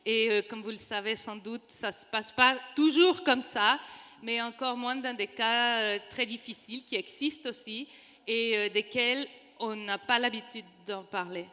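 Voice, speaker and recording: A woman's voice: a little high, a little slow, sharp tone, smooth. A woman guest discussing a novel at a literary panel, building her explanations hesitantly in stops and starts. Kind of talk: spontaneous discussion of a novel before an audience. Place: hall at a literary festival. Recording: reverberant hall with long echo.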